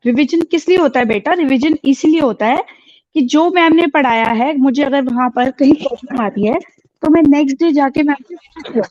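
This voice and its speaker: Woman, teacher, high pitch, stern and firm, code-switching, dull recording. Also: fairly quick, a little mellow. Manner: stern, mixes Hindi and English. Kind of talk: classroom teaching. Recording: dull lo-fi sound.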